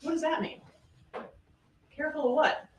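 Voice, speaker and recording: A woman's voice: high voice, fairly even intonation, normal speed. A woman prosecutor delivering a courtroom closing argument, pressing her case with pointed rhetorical questions. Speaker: trial prosecutor. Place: large courtroom. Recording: echoey courtroom audio from far off.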